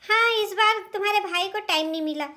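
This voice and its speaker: A woman's voice: very high-pitched, fairly quick, sharp tone. A woman voicing a rude, dismissive sister-in-law in a doll drama, curt and snappy.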